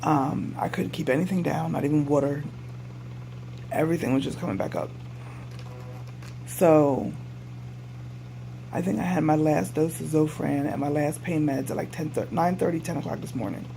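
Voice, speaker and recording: A man giving a casual, rambling video update as a patient, sounding subdued, halting and weary after surgery. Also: on the high side, fairly even intonation, creaky, dark tone. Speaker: patient vlogger. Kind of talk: casual personal update to camera. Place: hospital room. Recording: noisy room recording with hum.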